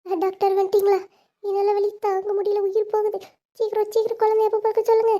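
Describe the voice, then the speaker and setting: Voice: very high-pitched, monotone, quick pace, warm tone. A child acting as a frightened young woman in labor, pleading and complaining in a home skit.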